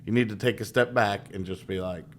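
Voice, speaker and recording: Low-voiced man hosting a relaxed chat. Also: a little fast, slight background noise. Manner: relaxed, agreeable, conversational. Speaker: host. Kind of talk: casual chat.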